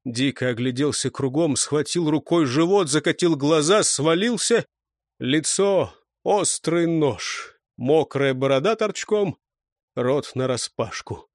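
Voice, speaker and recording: A man's voice: fairly high pitch, animated, dry recording, clean studio sound. Man narrating a folk-style tale. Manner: measured storytelling, acting out dialogue. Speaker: audiobook narrator. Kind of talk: scripted narration.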